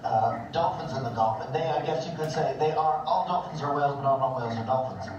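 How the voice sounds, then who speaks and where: A man's voice: mid-range voice, fast. A man, a dive instructor, giving easygoing, plain-spoken answers from underwater in an aquarium tank through the microphone in his full face mask. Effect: voice through a diver's full face mask radio. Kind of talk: casual live Q&A answers. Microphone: microphone built into a full face mask. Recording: muffled, distant, echoey underwater comms with hiss.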